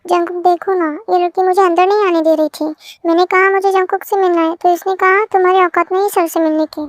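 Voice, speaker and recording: Woman doing a spoiled rich girl, arrogant and whiny, very high voice, amateur fan dub. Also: level tone, brisk, no room sound. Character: haughty rude rich young woman.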